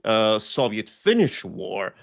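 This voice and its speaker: A man's voice: fairly low pitch, very animated, slow, gravelly. A man from Russia, not a native English speaker, answering interview questions earnestly and hesitantly, with many fillers as he lists historical examples. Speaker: guest scholar and activist.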